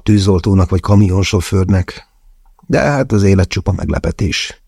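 A man reading a novel in the first person as an audiobook narrator, with a measured, even storytelling manner. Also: sits low, husky, no room sound, studio quality.

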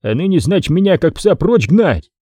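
A male narrator voicing Foma, a gruff, fearless plague-cart driver who talks in rough, mocking folk speech. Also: a little high, big pitch swings, normal speed, warm tone, dry recording, clean studio sound, pitched above the performer's own voice. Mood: angry.

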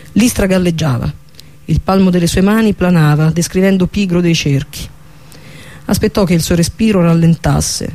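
A man narrating a fantasy audiobook with a steady, even reading manner. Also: sits high. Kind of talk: scripted narration of a fantasy novel.

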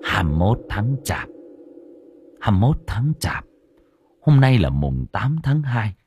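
A man's voice: fairly low pitch, very animated, measured pace, a little mellow, husky, exaggerated voice. A man voicing an old Buddhist monk who gives grave, urgent warnings about a demon. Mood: alarmed.

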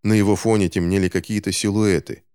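A man reading a novel aloud in measured scripted narration. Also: low voice, steady tone, mellow, clear, resonant tone, no echo, clean studio sound. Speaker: audiobook narrator.

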